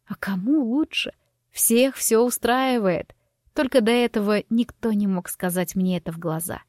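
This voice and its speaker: A woman's voice: a little high, moderate pace, a little mellow, no room sound. Woman reading an audiobook, dry voice. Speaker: audiobook narrator. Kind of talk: first-person audiobook narration.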